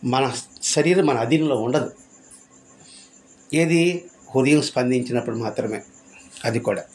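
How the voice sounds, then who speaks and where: A man's voice: mid-range voice, unhurried, darkish tone. A man giving a devotional discourse, full of rhetorical questions and repeated phrases. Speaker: spiritual speaker.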